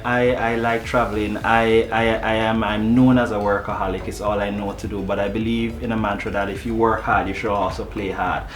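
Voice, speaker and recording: A man who works as a marketing manager, answering interview questions in a relaxed way, often repeating words as he starts a thought. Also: on the low side. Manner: easygoing, halting with repeated words. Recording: echoey room with music behind.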